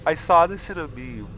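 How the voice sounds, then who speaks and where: A man hosting a casual gaming video, reading questions aloud and answering them bluntly, with frequent swearing and loud exasperated outbursts. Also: a little high, slight background noise. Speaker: gaming channel host. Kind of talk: casual game commentary.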